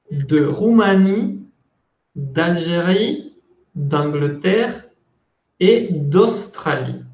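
Over a video call on an earphone headset mic, a male French teacher with a high voice gives a slow, deliberate online lesson, alternating French and Spanish explanations. The sound is reverberant, and he's in an office with window blinds.

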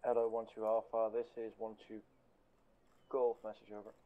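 Guy on the game radio, muffled dull sound, reads his sitrep slow and by the book. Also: on the low side, monotone, a little hiss or hum. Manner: formal, methodical. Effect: heard over a game's radio channel. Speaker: player giving a situation report. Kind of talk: clipped military radio procedure.

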